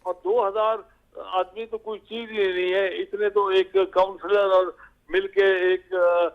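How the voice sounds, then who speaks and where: A man speaking as a political guest on a talk show, halting and full of filler sounds. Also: high voice, little pitch movement, phone-quality sound.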